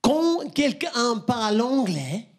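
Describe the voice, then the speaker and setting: A man's voice: very high voice, big pitch swings, slow, full character voice. A man playing a pompous fake French folk singer with a thick French accent, performing live comedy. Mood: mock indignant. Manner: hammy, mock-pompous, mixes French and English. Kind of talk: live stand-up comedy song. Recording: live venue with music and loud crowd.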